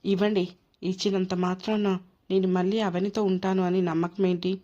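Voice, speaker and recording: A woman's voice: mid-range voice, little pitch movement, normal speed, warm tone, close to an everyday voice. A woman voicing a stubborn, harsh husband who speaks firmly and dismissively in an emotional audio story. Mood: firm, cold. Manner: firm, blunt, dismissive. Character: stubborn harsh husband, man, cold and unyielding. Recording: dull lo-fi recording.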